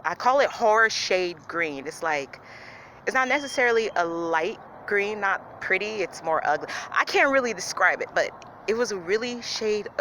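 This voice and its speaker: A woman vlogger talking casually to her viewers in a morning voice, earnest and confiding, often dropping soft and quiet. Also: on the low side, a little hiss or hum, rough recording. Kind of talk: casual talk to camera.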